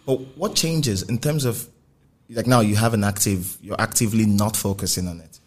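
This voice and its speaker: A man's voice: on the low side, moderate pace. A man interviewing casually, probing and rephrasing his questions as he goes.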